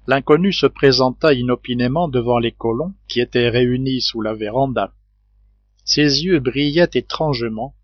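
A man narrating an audiobook of a classic novel in a steady, unhurried reading voice. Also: mid-range voice, dry recording. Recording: dry, slightly dull home recording.

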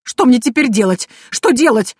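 A woman voicing a cowardly, shrill male priest who shrieks and wails in panic, as an audiobook character. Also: animated, moderate pace, a little mellow, slightly rough, no room sound, clean studio sound. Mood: panicked.

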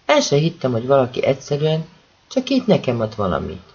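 A man reading a novel aloud as an expressive first-person narration. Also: medium pitch, breathy edge, muffled recording. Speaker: audiobook reader.

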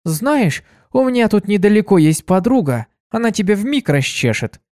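A man reading aloud, voicing a gentle young female pegasus pony in a raised, soft voice. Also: high-pitched, sing-song, normal speed, no room sound, studio quality, voice pushed up.

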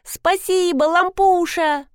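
Woman putting on Kisa, a squealing excited little girl. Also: very high-pitched, slow pace, no room sound, clean studio sound, voice pushed up, full character voice. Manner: squealing, bouncing.

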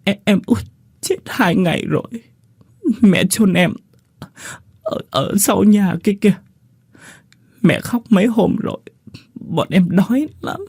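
A man's voice: high voice, expressive, creaky, a little mellow, slightly rough, dry recording, studio quality, pitched above the performer's own voice, exaggerated voice. A man doing a stammering hungry boy. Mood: grieving. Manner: halting, stammering, choked. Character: hungry grieving poor boy, older sibling.

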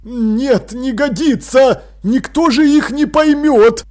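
A man voicing an excitable, bossy old mummy king who talks in loud, eager exclamations, in an audiobook. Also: very high-pitched, slow, voice pushed up. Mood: excited.

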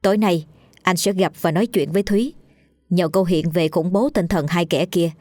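A woman telling a ghost story in steady, dramatic narration. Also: lowish voice, normal speed, no room sound.

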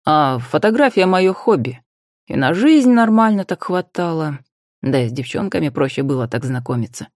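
A woman's voice: low-pitched, lively intonation, normal speed, dry recording, clean studio sound. A woman voicing the ghost of a young man who talks in a casual, slangy, eager way for an audiobook. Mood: lively. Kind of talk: audiobook character voice.

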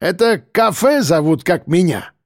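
A man's voice: high-pitched, sing-song, a little slow, dry recording, clean studio sound, pitched above the performer's own voice, exaggerated voice. A man voicing a cheerful, talkative middle-aged cafe owner with a light Caucasus accent in an audiobook. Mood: friendly, hospitable. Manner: warm, chatty, unflappable, calls people dear. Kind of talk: audiobook character voice.

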